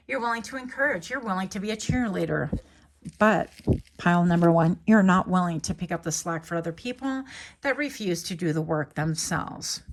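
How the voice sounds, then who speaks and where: A woman doing a casual tarot reading to camera, chatty and rambling, correcting herself and laughing lightly as she goes. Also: on the low side. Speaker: tarot reader.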